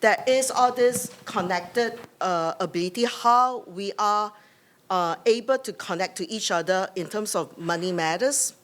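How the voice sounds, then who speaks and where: A woman's voice: medium pitch, measured pace, fairly bright tone. A middle-aged Singaporean woman speaks into a podium mic in a conference hall. Her talk wanders and is full of "uh" and "um". She keeps checking in with "right?". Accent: Singaporean English. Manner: loose, rambling delivery with frequent "right?" tags and fillers. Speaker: conference host. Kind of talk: welcome remarks at a symposium. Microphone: podium microphone.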